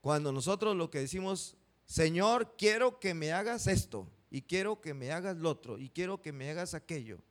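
A man preaching a sermon, asking his congregation questions and reading verses slowly. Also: fairly high pitch, expressive.

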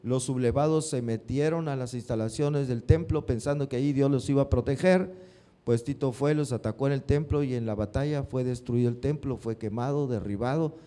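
A man preaching a sermon, often stopping to put questions to his congregation. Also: mid-range voice. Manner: asks the congregation questions, lively rising emphasis.

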